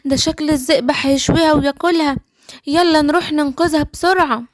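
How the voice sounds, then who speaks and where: A woman's voice: high-pitched, fairly even intonation, fast talker, dry recording, clean studio sound, natural voice. Simba, a woman doing an eager boy lion cub. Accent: Egyptian. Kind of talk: children's cartoon voice acting.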